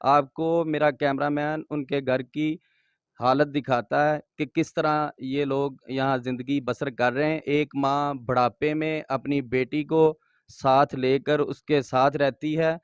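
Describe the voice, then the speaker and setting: Man reporting for TV news, clear dry voice. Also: a little high, little pitch movement, measured pace, dry recording. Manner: formal, addresses viewers, asks short questions. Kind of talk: TV field report.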